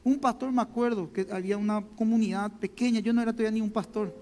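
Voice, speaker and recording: A man's voice: high voice, steady tone, fast talker, dark tone. A man with a Paraguayan Spanish accent, a pastor giving a conversational sermon full of personal stories, often repeating his words and speaking straight to the congregation. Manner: conversational, repeats words, addresses listeners directly. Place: church sanctuary. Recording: long hall reverb, faint music.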